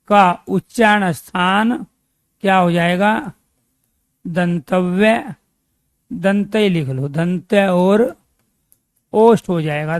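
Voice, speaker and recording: A man giving an exam-prep Hindi grammar lecture, drilling students with repeated questions and stretching out key terms slowly. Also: high voice, no echo.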